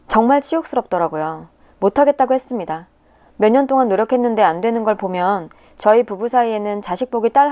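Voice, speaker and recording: A woman reading a personal story aloud in the first person, with emotive, tearful delivery and pitch swings. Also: a little mellow. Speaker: narrator of a viewer's submitted story. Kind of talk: scripted first-person narration.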